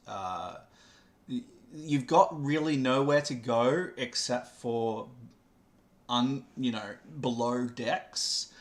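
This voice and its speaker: A man running a tabletop game as game master, explaining rules hesitantly with many pauses. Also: mid-range voice. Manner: hesitant, with frequent ums and pauses.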